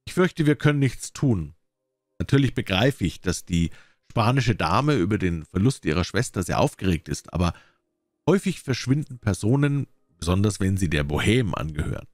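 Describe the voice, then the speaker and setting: A man's voice: lowish voice, big pitch swings, normal speed, no echo, clean studio sound. A man voicing a skeptical, middle-aged police chief in an audiobook, dismissive and weary. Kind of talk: audiobook character voice.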